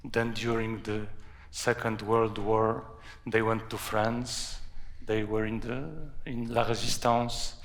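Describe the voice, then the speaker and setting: Male author, Polish accent, gravelly low-end fry, unhurried and halting, recounting anecdotes at a talk. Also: little pitch movement, fairly bright tone. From Poland. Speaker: author, guest. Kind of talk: anecdotal storytelling at a live talk.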